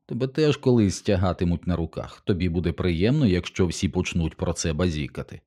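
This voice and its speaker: A man's voice: sits low, animated, a little fast, mellow. A man voicing a boy who plays a stern noble hero, commanding and scornful, in an audiobook. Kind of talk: audiobook character reading.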